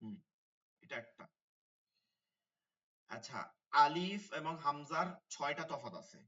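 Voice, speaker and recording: A man's voice: fairly high pitch, expressive, slow pace, sharp tone, distant mic, muffled recording. A man teaching an online tajweed class, repeating key terms and asking his students questions. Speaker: Quran teacher.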